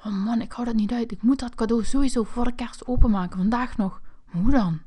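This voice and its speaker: A woman voicing a curious, mischievous young boy in a toy figure play video, excitable and whining. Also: on the high side, brisk, close to an everyday voice.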